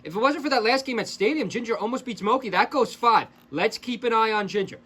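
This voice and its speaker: A man giving casual, excitable play-by-play commentary over fighting game footage, breaking off into chatty asides to his viewers. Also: sits high, a little fast. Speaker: esports commentator and channel host.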